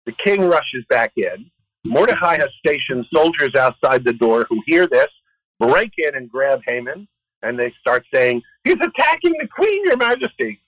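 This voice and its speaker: A man retelling a story with expressive, wisecracking delivery, then answering questions as a guest scholar. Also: mid-range voice, measured pace, no echo, rough recording. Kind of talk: animated storytelling.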